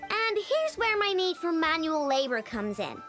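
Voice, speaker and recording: A woman's voice: very high-pitched, sing-song, measured pace, fairly bright tone, faint music behind, full character voice. An actress voicing a confident young girl inventor in a video game, speaking in a breezy, casual, matter-of-fact way.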